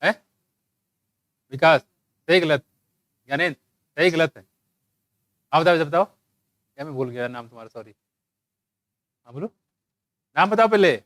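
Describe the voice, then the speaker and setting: A man's voice: a little high, moderate pace, pauses often, a bit bright, no echo. A man teaching biology to a live class, quizzing students by name and scolding them with jokes. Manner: teasing, scolding, jokey, calls students by name. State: dry throat from shouting.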